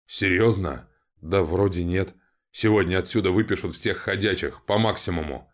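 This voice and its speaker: A stern middle-aged hunter and father, as a male narrator puts him on. He speaks low and short, with clear irritation. A deep, weary storybook dad. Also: moderate pace, close to an everyday voice.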